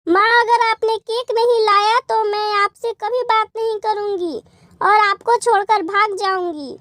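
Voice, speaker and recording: A woman's voice: extremely high pitch, fairly even intonation, measured pace, fairly bright tone, dry recording. A woman voicing a sad, stubborn young schoolgirl in a cartoon story. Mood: upset.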